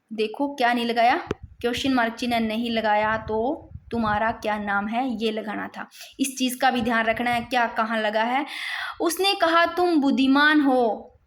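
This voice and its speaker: A woman teaching an exam-prep grammar lesson, explaining and repeating points to her students. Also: fairly high pitch.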